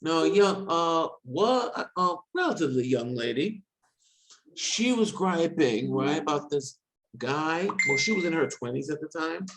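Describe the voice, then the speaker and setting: A man in his forties chatting casually on a video call, rambling quickly and self-deprecating. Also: fairly high pitch, expressive, fairly bright tone, low-quality recording. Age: 40s. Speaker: discussion guest.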